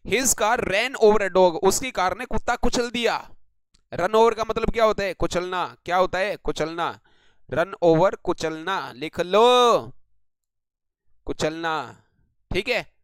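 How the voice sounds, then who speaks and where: A man's voice: sits high, takes it slowly, smooth, dry recording, poor audio. A man teaching English grammar in a live online class, playfully teasing and drilling students by name.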